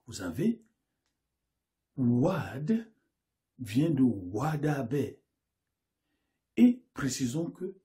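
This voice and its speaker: A man's voice: medium pitch, mellow. A man giving a spoken lecture, asking rhetorical questions again and again and sometimes dropping to a near-whisper. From Mali. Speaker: lecturer on names and history. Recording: roomy echo.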